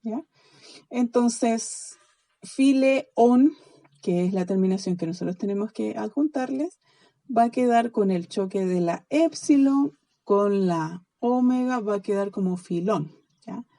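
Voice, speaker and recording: A woman's voice: medium pitch, slow pace, mellow, no echo, poor audio. A Chilean woman teaching a recorded online lesson, drilling word endings one by one and checking often that students follow. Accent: Chilean Spanish. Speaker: biblical Greek teacher.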